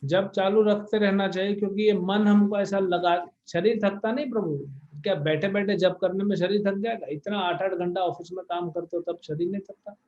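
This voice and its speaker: A man's voice: high voice, fairly even intonation, normal speed, hardly any pauses, a little mellow, highs cut off. A man, a spiritual teacher, answering devotees' questions on a video call in a blunt, scolding way with English words mixed in. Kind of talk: devotional Q&A discourse.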